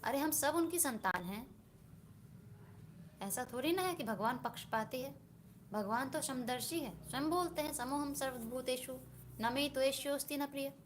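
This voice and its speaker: A woman's voice: sits high, moderate pace, slight background noise. A woman giving a devotional discourse, reasoning earnestly and asking her listeners rhetorical questions. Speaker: spiritual speaker.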